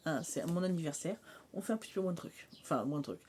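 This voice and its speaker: A woman's voice: low-pitched, lively intonation, a little mellow. Woman in her thirties, home vlogger, rambling chat full of fillers, faint hiss behind. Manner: rambling, many fillers and trailing pauses. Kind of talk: casual vlog chat. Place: mobile home on a hot day.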